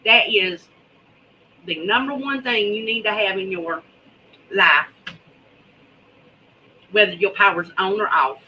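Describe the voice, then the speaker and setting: A woman's voice: mid-range voice, takes it slowly, long pauses, lo-fi sound, slight background noise. A woman chatting casually to viewers in a folksy, drawling way, repeating words for emphasis. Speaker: host of a homesteading preparedness vlog. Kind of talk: casual livestream chat.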